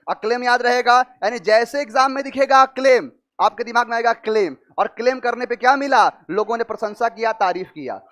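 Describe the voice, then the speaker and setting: A man's voice: extremely high pitch, a bit bright. A male teacher giving a vocabulary lesson with memory tricks, who keeps asking questions and answering them himself. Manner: asks and answers his own questions.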